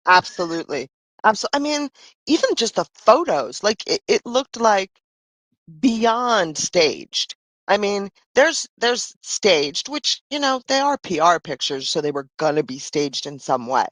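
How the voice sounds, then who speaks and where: A woman chats her way through a live stream in a rambling, lively voice that rises and falls a lot. She is losing her voice. The sound is dry and close to the mic. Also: medium pitch, measured pace, no echo. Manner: chatty, rambling, frequent "I mean" and "right?". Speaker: livestream host. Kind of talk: casual live-stream chat.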